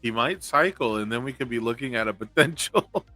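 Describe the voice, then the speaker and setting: Bright-voiced male game commentator. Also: mid-range voice, fast talker, no room sound, faint music behind. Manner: analytical, thinks out loud about plays. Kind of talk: live tournament commentary.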